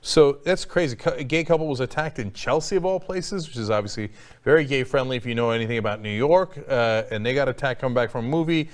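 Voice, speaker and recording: A man's voice: mid-range voice, quick pace. A man hosting a casual talk show, giving blunt opinions, swearing freely, with lots of fillers and restarts. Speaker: host.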